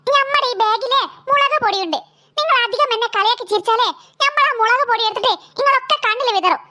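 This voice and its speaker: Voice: very high-pitched, quick pace, sharp tone, exaggerated voice. A voice actor playing a cheeky, quarrelsome schoolboy in a cartoon, speaking with a Malabar Malayalam accent. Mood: boastful. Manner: teasing, bragging, mock-threatening. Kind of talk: animated cartoon voice acting.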